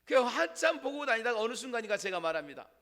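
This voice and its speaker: High-voiced pastor preaching in a reverberant hall. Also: male voice, big pitch swings, quick pace. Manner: storytelling with a quiet, hushed delivery for God's words. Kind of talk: sermon. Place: church sanctuary. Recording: long church-hall reverb.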